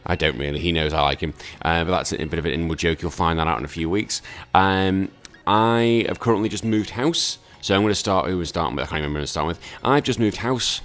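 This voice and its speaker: A man's voice: low voice, quick pace, hardly any pauses, fairly bright tone. A tired man recovering from illness, casually commentating a Pokemon battle with lots of fillers and self-corrections.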